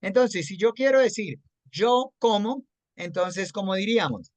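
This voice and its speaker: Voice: mid-range voice, expressive, measured pace, no room sound. An English teacher with a Colombian accent explains grammar to a student in an online class, mixing English words into Spanish and often checking that the student follows. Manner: patient, checks understanding often.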